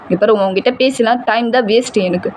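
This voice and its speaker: A woman voicing a furious, short-tempered young man who shouts and scolds harshly in an amateur storytelling. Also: a little high, fast, a little hiss or hum, lightly acted. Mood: angry.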